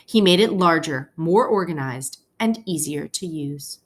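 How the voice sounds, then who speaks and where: A female teacher voices the narration of a children's picture book, taking her time and pausing often for the kids. She speaks low and sounds animated.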